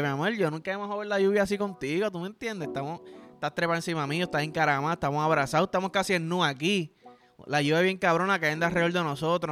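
A young Puerto Rican man hosting a podcast, telling a crude, animated story and acting out the dialogue. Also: fairly high pitch. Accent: Puerto Rican Spanish. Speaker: podcast host. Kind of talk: casual storytelling.

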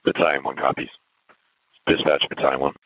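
Calm, clipped commands come over two-way radio from a fire battalion chief working as incident commander during procedural emergency radio traffic. He has a very deep, slightly bright voice with flat delivery at a fairly quick pace, in a low-quality recording with no echo.

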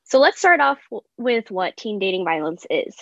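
A young woman presents on a youth podcast, discussing things informally and conversationally, peppering her talk with "like." Her mid-range voice is very animated, creaky and fairly bright, at normal speed. The recording sounds slightly dull and roomy.

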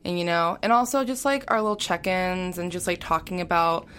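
A woman's voice: fairly low pitch, brisk, a bit bright, slight background noise. A young adult woman, a college student, talking casually as a podcast guest and filling her speech with "like" and "you know". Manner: chatty, heavy on "like" and "you know". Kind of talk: casual interview talk.

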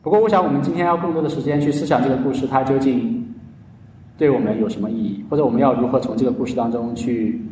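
A man's voice: medium pitch, warm tone, slight background noise. A man preaching a sermon in earnest storytelling style, often stretching his sentence endings. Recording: echoey hall, heard from a distance.

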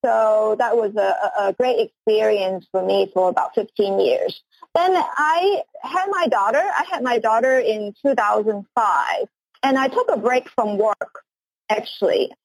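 Speaking in an unhurried voice on the high side, this CEO from Hong Kong, a woman in her forties, responds to interview questions with eager sincerity. She tends to repeat words when beginning her sentences. The audio is dry and of low quality.

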